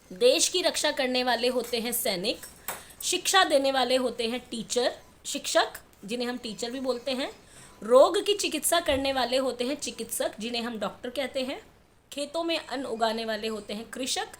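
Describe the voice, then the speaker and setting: High-voiced woman teacher explaining patiently. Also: fairly bright tone. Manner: patient, step-by-step, repeats answers slowly. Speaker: primary school teacher. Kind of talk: explaining a textbook lesson to children.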